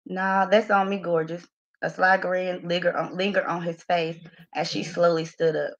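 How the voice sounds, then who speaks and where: A woman's voice: lowish voice, moderate pace, highs cut off. A woman reading the first chapter of her own novel aloud from her phone, voicing the characters' lines with expression. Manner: expressive reading with laughing asides to a live audience.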